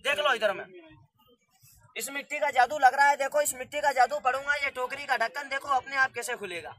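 A young man performing as a street magician, barking patter loudly at a gathered crowd outdoors. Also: extremely high pitch, brisk. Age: young adult.

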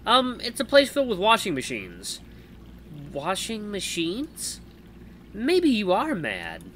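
A man's voice: sits high, huge pitch swings, unhurried, pushed and bright, slight background noise, pitched above the performer's own voice, heavily acted. A man voicing a teasing, wry female beast-folk villager as he reads a visual novel aloud, with a dry, mocking way of talking.

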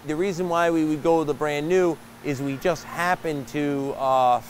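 A man's voice: a little high, steady tone, normal speed, a little hiss or hum. Plain-spoken man touring his machine shop. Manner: plain-spoken, explanatory, with frequent fillers. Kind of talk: guided shop tour. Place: large bright machine shop floor, indoors.

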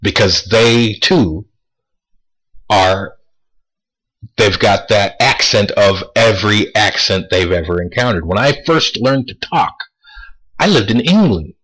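A man talking straight to camera in a casual monologue. He speaks deliberately, repeats words for emphasis and asks rhetorical questions. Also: fairly low pitch, expressive, a bit bright, breathy edge, poor audio. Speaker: vlogger.

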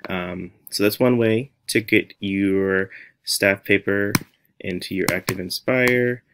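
Smooth and deep, this man's voice takes things slowly. He's an American music teacher and tutorial host in his thirties, animated and playful, talking to himself as he thinks aloud through a casual tutorial.

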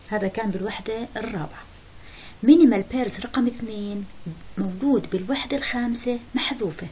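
Fast-talking woman teacher, slips english terms in, faint hiss on the recording. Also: mid-range voice, rough recording. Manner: brisk, explanatory, mixes English terms into Arabic. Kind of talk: exam-prep lesson.

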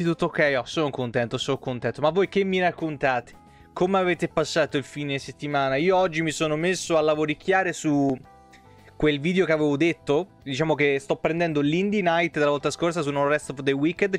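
A young Italian man streams a game from home, talking into a headset mic with a sore throat. His voice sits a touch high for a man, and he chats casually, greeting viewers by name and swearing often. Faint music plays behind him. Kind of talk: casual live-stream chat.

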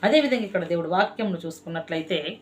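A woman preacher giving a sermon. She exhorts the listener directly, and her repeated scripture phrases are drawn out slowly and emphatically before falling away soft. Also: lowish voice, expressive, a little hiss or hum. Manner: slow emphatic chanting of scripture phrases, swelling then dropping soft; repetitive exhorting address to the listener.

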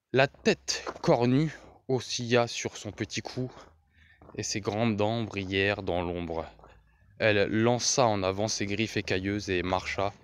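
A man reading a fantasy novel aloud as an audiobook narrator, with a measured, deliberate delivery. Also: fairly low pitch, smooth.

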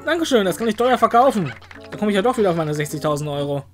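A man with a fairly high voice comments on a life-simulation game in a playful, teasing way, chatting with the characters on screen. Now and then he breaks into exaggerated cries. Soft game music plays in the background. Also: big pitch swings, racing. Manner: jokey, talks to the game characters, puts on silly exclamations. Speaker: let's-play host.

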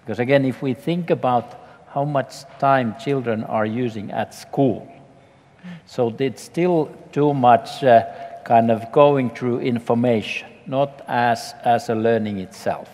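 A man's voice: mid-range voice, measured pace, a little mellow. A man on a discussion panel in a large atrium, speaking earnestly and repeating words as he searches for them. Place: large glass atrium hall with audience. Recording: long hall reverb.

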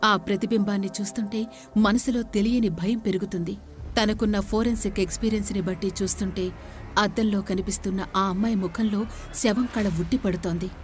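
A woman narrating a horror story in a measured, suspenseful way. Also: medium pitch, a little mellow.

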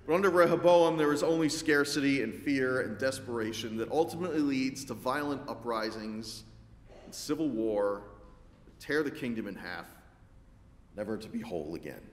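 Male pastor, mid-range voice, measured sermon delivery with wry dry humor; roomy church sound, long reverb tail. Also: mid-range voice, slight background noise. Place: church sanctuary.

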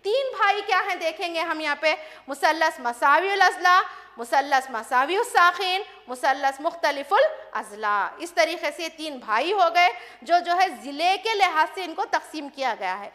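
A woman math teacher gives a classroom lesson in a very high voice. Her tone is bright and clear, and she drills each term through repetition and questions she answers herself. A long hall reverb trails her words. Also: animated. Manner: patient, repeats terms, asks and answers own questions.

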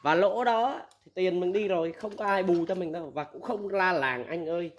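A man's voice: sits high, normal speed, dull audio, a little hiss or hum. A man, casually giving blunt, candid advice as a used machinery dealer, laughing often.

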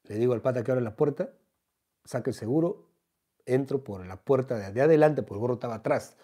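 A man comedian with a Peruvian accent, telling a comic anecdote in a slangy, animated way. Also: mid-range voice, fast, slightly rough. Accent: Peruvian Spanish. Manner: slangy, animated, acts out the voices.

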